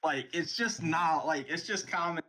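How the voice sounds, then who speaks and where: A man with a fairly high voice chats as a player in a tabletop game. He jokes about his characters and talks in loose, casual banter. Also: measured pace, a crowd in the background. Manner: joking, chatty.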